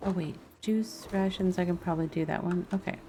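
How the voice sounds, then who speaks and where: Playing live, a female streamer gives casual commentary, thinking out loud and musing to herself. She speaks fairly quickly in a fairly low voice. Game sound and music sit behind her voice.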